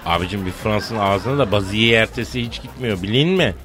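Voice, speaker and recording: A man's voice: fairly low pitch, normal speed, fairly bright tone. Teasing male radio comedy host with a Tokat-Elazığ accent. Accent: Tokat-Elazığ Turkish. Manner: theatrical, teasing, sing-song greetings. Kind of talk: comic morning radio banter. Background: music bed.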